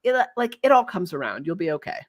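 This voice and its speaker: A woman's voice: on the low side, very animated, fast talker. A woman in her fifties hosting a casual interview, chatty and effusive, talking freely with lots of fillers. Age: 50s. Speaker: podcast host.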